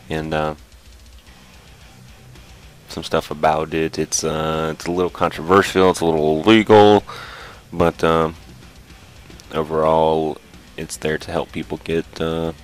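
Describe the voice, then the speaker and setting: A man hosting a casual interview, talking in a loose, filler-heavy way. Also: a bass voice. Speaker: host.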